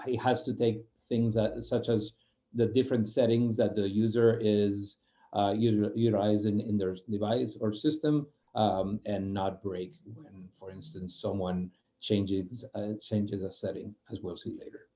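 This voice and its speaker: Giving a guest talk, a UX program manager from Spain explains things informally in Spanish-accented, non-native English, frequently restarting phrases and hunting for words. He speaks a little slowly, with a warm, fairly low voice and fairly even intonation, on a lo-fi recording.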